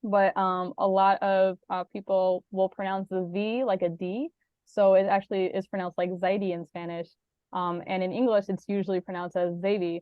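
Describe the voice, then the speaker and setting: Relaxed woman presenting a workshop. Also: mid-range voice, moderate pace, clean tone, no echo, phone-quality sound. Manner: relaxed, many ums, laughs easily. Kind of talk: casual workshop talk.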